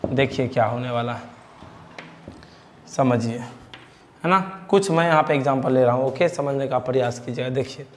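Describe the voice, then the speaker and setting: A man's voice: medium pitch, moderate pace, pauses often, in a large hall. A male teacher with a Bihari Hindi accent giving a grammar lesson, asking questions and answering them himself, repeating key words.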